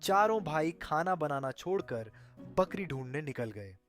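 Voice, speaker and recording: Lively male cartoon storyteller. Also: fairly high pitch, a little slow, faint music behind. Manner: playful, comic storytelling. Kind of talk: scripted cartoon narration.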